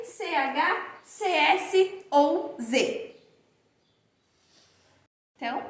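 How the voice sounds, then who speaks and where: A woman teacher leads a primary school phonics lesson and draws out each word slowly as she dictates. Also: high-pitched, fairly bright tone. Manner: slow, drawn-out dictation of words. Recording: very echoey room.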